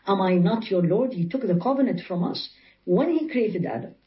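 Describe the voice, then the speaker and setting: A woman's voice: mid-range voice, lively intonation, normal speed, highs cut off. A woman with an Arabic accent, a religious teacher explaining in an interview, asking rhetorical questions and quoting scripture in Arabic. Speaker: Islamic teacher.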